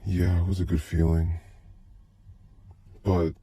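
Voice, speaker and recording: A man's voice run through a voice changer that drops it extremely deep, leaving it dark and muffled. He speaks in a slow, halting, brooding way and barely moves in pitch, like someone confessing onto a tape. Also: little pitch movement, slightly rough, no echo. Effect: deep pitch-shifting voice changer. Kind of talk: first-person scripted narration of a recorded tape.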